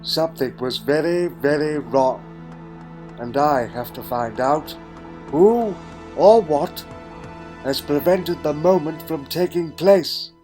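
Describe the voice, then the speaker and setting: Man acting a slow, solemn time-travelling hero, the Fourth Doctor. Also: fairly high pitch, darkish tone. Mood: alarmed, intense. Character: the Fourth Doctor, weary male time-travelling hero recalling his fall. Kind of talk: dramatic first-person narration in fan audio drama. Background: music.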